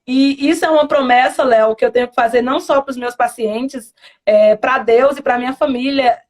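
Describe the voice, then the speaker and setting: A young woman with a Bahian Portuguese accent talks in a casual interview. Her voice sits high, and she speaks earnestly and from the heart, often slipping into her mother's words. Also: fairly even intonation, normal speed, a little mellow. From Brazil. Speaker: interviewed medical student.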